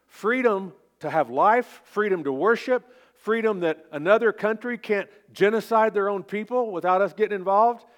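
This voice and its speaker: A man in his fifties with an Oklahoma accent, preaching as a pastor in a folksy, informal, self-deprecating way. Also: sits high. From Oklahoma, United States. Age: 50s. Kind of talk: sermon.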